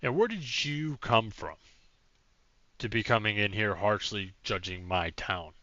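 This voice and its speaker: A wary older mayor with a cane, as a man puts him on for a tabletop game. His low, bright voice presses visitors with suspicious questions. The lo-fi stream mic leaves it dull. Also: unhurried, a little hiss or hum.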